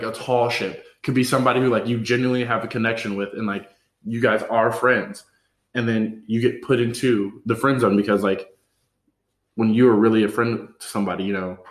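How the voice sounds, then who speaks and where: Relaxed man hosting a chat, echoey. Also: medium pitch. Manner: relaxed, rambling with many fillers. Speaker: podcast host. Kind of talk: casual chat. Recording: roomy echo.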